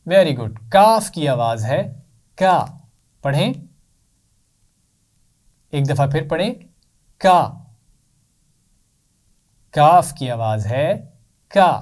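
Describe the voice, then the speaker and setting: A man teaching children to read, speaking slowly and patiently and repeating letter sounds for them to echo. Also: a little high, a little mellow. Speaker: Quran reading teacher for children. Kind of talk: children's lesson.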